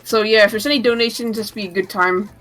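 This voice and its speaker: A woman's voice: mid-range voice, steady tone, fast talker, a bit bright, soft background music, poor audio. A woman speedrunner giving casual live commentary on her own run, chatty and full of joking asides.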